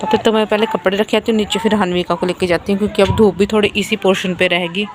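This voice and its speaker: A young woman vlogging casually about her day with her children, sounding tired and sleepy, keeping her voice soft so the baby stays asleep. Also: mid-range voice, steady tone, fast talker, background noise. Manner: chatty, talking softly to avoid waking a baby. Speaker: vlogger, mother. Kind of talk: casual family vlog talk. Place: outdoors on a home rooftop.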